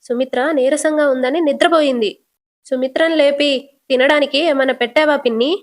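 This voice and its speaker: A woman voicing an angry middle-aged father who shouts and lectures his daughter. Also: sits high, steady tone, brisk, lightly acted. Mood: stern.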